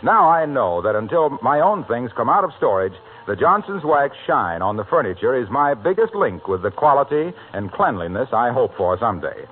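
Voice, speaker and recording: An American man announces and reads commercials in a polished, emphatic 1940s radio style, with a salesman's delivery. His mid-range voice is very animated and slightly rough, at normal speed with few pauses. The old broadcast recording is narrow and a little noisy.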